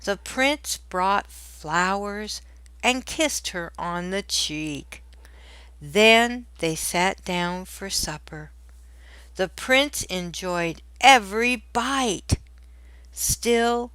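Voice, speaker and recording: In a deliberate, expressive storytelling style, a woman with a medium-pitched voice narrates a children's storybook. The recording is rough but free of echo.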